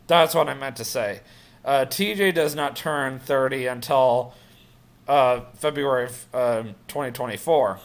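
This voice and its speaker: Man, late twenties, casual vlog chat, rambling, self-correcting, mid pitch. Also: a little slow. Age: 20s. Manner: chatty, rambling, with frequent fillers and self-corrections. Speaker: vlogger. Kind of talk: rambling personal vlog update.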